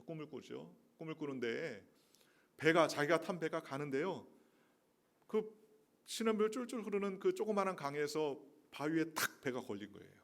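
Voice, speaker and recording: A middle-aged man, a missionary preacher, telling personal testimony in a sermon, with storytelling and emphatic rhetorical questions. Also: fairly high pitch.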